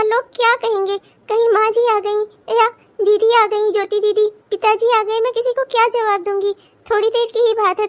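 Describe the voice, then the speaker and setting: A woman voicing a tired young mother in a cartoon, who talks in a pleading, anxious way. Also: very high-pitched. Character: tired young mother, the elder sister-in-law.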